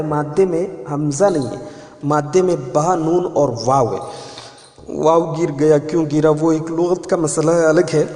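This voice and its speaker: A male teacher talks through a grammar lesson, slowly restating each rule. His voice sits a little high. The room rings with a long, echoey reverb. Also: a little mellow. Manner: patient, repeats key points for emphasis. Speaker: Arabic teacher.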